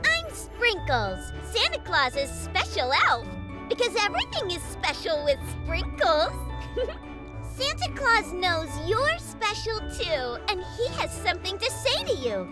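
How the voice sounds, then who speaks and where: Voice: very high-pitched, wildly swooping pitch, unhurried, heavily acted. A performer voicing a chirpy, eager little Christmas elf, introducing a children's show in a perky sing-song way. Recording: loud jingly children's music behind. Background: jingly children's music.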